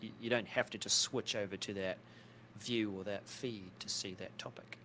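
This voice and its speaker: A man with a fairly low voice chats casually as co-host of a live show. He jokes, laughs easily and thinks out loud with plenty of fillers. A faint hum of background noise sits under him. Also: fairly even intonation, normal speed. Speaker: podcast co-host.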